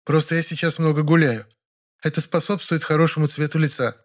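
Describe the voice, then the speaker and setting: A man's voice: fairly high pitch, steady tone, a little fast, pitched above the performer's own voice, close to an everyday voice. Man doing a coy older actress. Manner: giggling, coy. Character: older woman, famed stage actress, coy.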